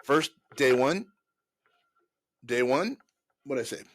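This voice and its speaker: A man's voice: mid-range voice, lively intonation, slow pace, fairly bright tone, no echo. Chatty man giving casual business advice. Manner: conversational, rambling with many restarts and fillers. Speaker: host. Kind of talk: casual advice talk to camera.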